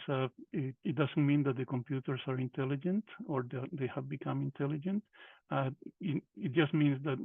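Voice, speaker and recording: A middle-aged Peruvian man with a medium-pitched, creaky voice presents a webinar lecture over a video call, hesitating often with many fillers and restarts. The dry recording sounds tinny and phone-like.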